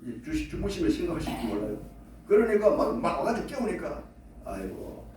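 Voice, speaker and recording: A male pastor preaching a sermon, animated, acting out quoted prayers and leading the congregation to repeat after him. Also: sits high, fast talker, a little hiss or hum. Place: church sanctuary. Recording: echoey church hall from far off.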